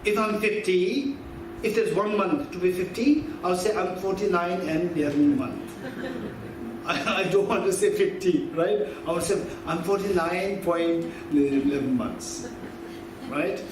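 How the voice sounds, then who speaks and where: A man in his fifties gives a conversational teaching talk, quizzing his listeners and repeating his key points. His voice sits somewhat high for a man. He is picked up from a distance in a very echoey hall, with steady noise underneath. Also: unhurried. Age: 50s. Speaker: Buddhist philosophy teacher. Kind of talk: teaching talk with audience questions.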